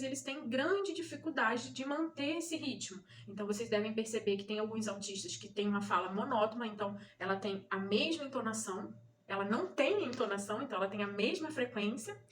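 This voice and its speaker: A woman's voice: fairly high pitch, a bit bright. A woman from Brazil, a mother and channel host, explaining terms to parents in a patient teaching manner, often checking in with listeners. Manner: didactic, repeats key points, checks in with "né?" and "tá?".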